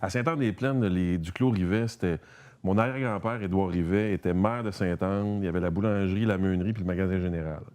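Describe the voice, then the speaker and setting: A man's voice: deep voice, fast, darkish tone. A man from Quebec with a Québécois French accent, a guest chatting casually and rambling, with many restarts and a lot of "tu sais". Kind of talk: casual conversation.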